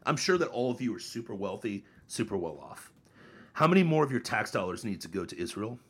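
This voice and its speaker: A man in his thirties co-hosting a podcast, talking in a casual, mocking, animated way. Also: brisk, husky. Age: 30s. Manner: animated, mocking, mimics others in high voices. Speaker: podcast co-host. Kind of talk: casual opinion chat.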